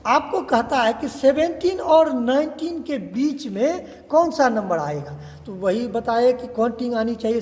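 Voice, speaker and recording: Patient male teacher, echoey room. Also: very high voice. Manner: patient, repeats questions and answers slowly. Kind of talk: revision lesson for young children. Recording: echoey room with long reverb.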